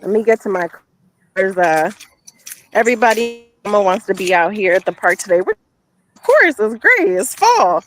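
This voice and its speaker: A woman's voice: mid-range voice, big pitch swings, unhurried, fairly bright tone, low-quality recording. A young woman from Nigeria raised in America, a chatty guest speaking outdoors in a park over a video call that breaks up and drops out. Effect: choppy video call breaking up and dropping out. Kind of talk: casual talk-show chat.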